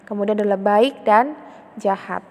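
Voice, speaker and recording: A woman's voice: mid-range voice, moderate pace, dark tone, long reverb tail. A woman teacher patiently explaining a lesson, often checking in with a short "ya" as she repeats her points. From Indonesia.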